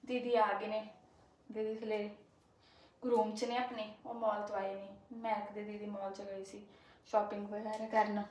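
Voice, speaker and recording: A woman's voice: mid-range voice, flat delivery, moderate pace, darkish tone. Chatty young Punjabi woman, echoey kitchen. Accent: rural Malwa Punjabi. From Punjab, India. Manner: chatty, rambling, frequent filler tags. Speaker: cooking vlogger. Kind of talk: casual chat while cooking. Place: home kitchen.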